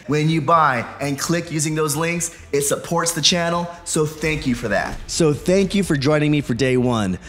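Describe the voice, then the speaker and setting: A man's voice: a little high, big-room sound. A man in his forties, the host, narrating his vlog with upbeat enthusiasm. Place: home studio with toy shelves.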